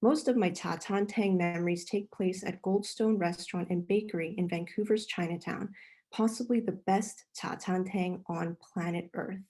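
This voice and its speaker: Mellow-voiced woman reading her essay. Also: fairly low pitch, steady tone. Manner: measured, literary reading. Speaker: reader, author. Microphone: video call.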